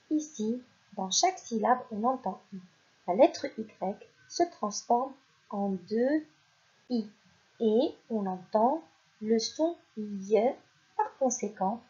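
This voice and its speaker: A woman teacher giving a recorded reading lesson to young children, slowly sounding out syllables and letters. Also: on the high side, darkish tone. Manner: slow, deliberate, sounding out syllables. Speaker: primary school teacher. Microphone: voice-over for slides. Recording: dull lo-fi recording.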